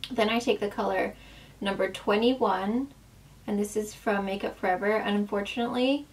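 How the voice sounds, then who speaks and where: A woman speaks in a steady, medium-pitched tone at a moderate pace, captured roughly on a far-off mic. She walks through a makeup tutorial drawing on her past as a makeup artist, chatting casually with many fillers. Her voice is going, so it cracks a lot.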